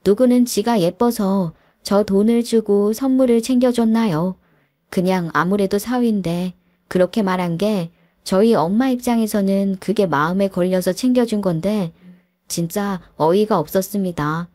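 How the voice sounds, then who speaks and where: A woman's voice: mid-range voice, normal speed, warm tone, no echo, studio quality. A woman narrating her own story in a scripted way, venting her frustration and confiding to listeners.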